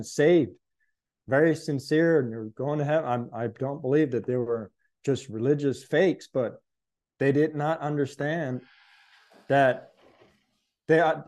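A man's voice: a little high, a little mellow. A man earnestly recounting a spiritual experience as an interview guest, reflective and searching for words. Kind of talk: conversational testimony.

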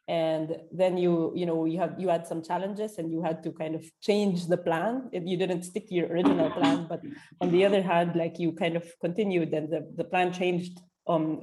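Low, mellow-voiced woman host. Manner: rambling questions with many fillers. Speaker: interview host. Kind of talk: casual interview talk.

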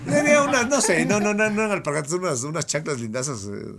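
A man's voice: a little high, expressive, quick pace, gravelly, a loud crowd. A man, a guest in casual chat, rambling and self-mocking and laughing often.

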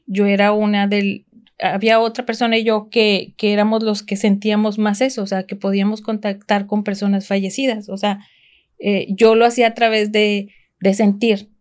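Woman from Mexico, podcast guest, casual storytelling, rambling, restarts and fillers, mid-pitched voice. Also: flat delivery, moderate pace, a little mellow.

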